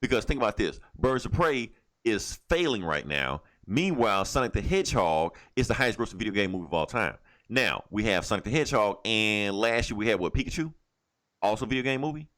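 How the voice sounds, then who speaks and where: A man co-hosts a pop culture podcast in a casual, emphatic way, giving his opinions and repeating phrases to hammer his points home. His voice sits on the low side and sounds fairly bright, expressive and brisk.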